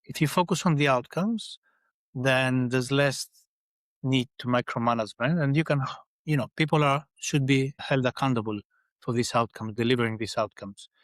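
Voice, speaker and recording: A middle-aged Greek man, an engineering leader, is a guest in a conversational podcast interview. His voice is mid-range at a moderate pace on a dry recording, and he speaks thoughtfully with many restarts.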